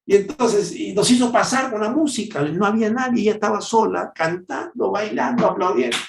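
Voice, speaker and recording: A middle-aged man preaching a devotional sermon as a pastor, telling stories with animated swings from loud exclamations to hushed asides. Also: high voice, a little fast, gravelly, echoey room.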